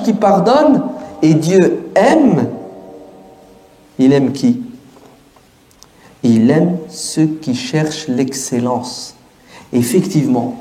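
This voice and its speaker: A man preaching in an easygoing, street-casual way, peppering his listeners with rhetorical questions. His voice sits fairly high yet sounds soft and mellow. The room around him is roomy and echoey. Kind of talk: colloquial sermon to an audience.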